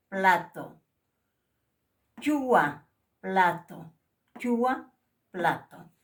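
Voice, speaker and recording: A woman teaches a language lesson at a very unhurried pace, sounding out each example word and repeating it louder for emphasis. Her voice sits a little back from the microphone. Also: mid-range voice. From Peru. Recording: voice a little far from the mic.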